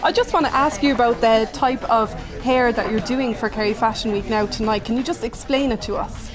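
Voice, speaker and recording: A woman's voice: on the high side, a little fast. A woman presenting and interviewing as an event reporter. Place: busy backstage at a fashion show. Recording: loud music and crowd backstage. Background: loud music and crowd buzz.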